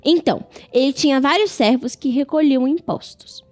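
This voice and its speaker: A Brazilian woman telling a Bible story to children, animated and speaking to them directly. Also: high-pitched, normal speed, faint music behind.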